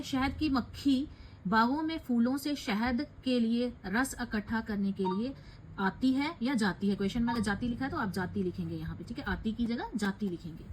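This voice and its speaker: A woman's voice: a little high, slight background noise, poor audio. Patient woman teacher walking through answers. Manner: explains step by step, self-correcting. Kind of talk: class lesson walkthrough.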